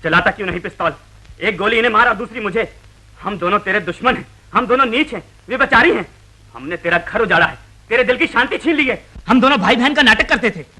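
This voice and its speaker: Fiery patriot Mohan. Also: male voice, high voice, expressive, fast, sharp tone, full character voice. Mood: outraged. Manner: impassioned, declamatory. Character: loyal male friend Mohan, fiery patriot leader. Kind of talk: 1940s film acting. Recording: very noisy old film soundtrack.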